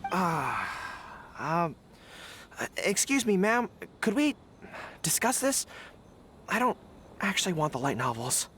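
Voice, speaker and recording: An actor playing a nervous, earnest young man in a video game, halting, flustered and polite. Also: medium pitch, very animated, fairly bright tone, a little hiss or hum. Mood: awkward, earnest. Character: nervous, earnest young male festival errand-runner.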